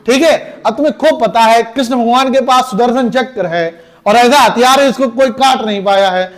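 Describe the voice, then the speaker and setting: A male teacher lecturing a class, slightly hoarse, lively, and often quizzing the students. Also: very high-pitched. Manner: lively, recites verse dramatically, asks class questions.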